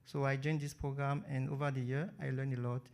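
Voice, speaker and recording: Even-toned man with Beninese French accent. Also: medium pitch, fairly quick. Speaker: session moderator and presenter. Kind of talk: public address at a conference session.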